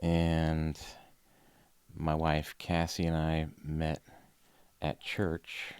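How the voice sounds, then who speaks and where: A man in his forties, a podcast guest, chatting in a relaxed, rambling way with many fillers and restarts. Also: very deep voice, drawn-out words, clear, resonant tone, dry recording. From Ohio. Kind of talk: casual conversation.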